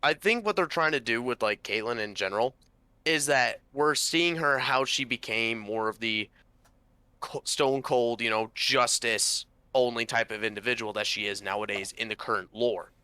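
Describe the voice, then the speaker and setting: A man co-hosting a casual reaction chat, laying out his points in a measured way with the odd swear. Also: mid-range voice, pushed and bright, clear, resonant tone, no room sound. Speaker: podcast co-host.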